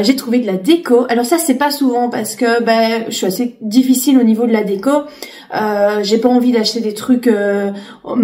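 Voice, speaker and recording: A woman in her late thirties talks casually to her camera, with a fairly high voice. She chats loosely, full of fillers and restarts. The room echoes around her. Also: a little mellow. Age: 30s. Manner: chatty, many fillers and restarts. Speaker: vlogger. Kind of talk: casual chat.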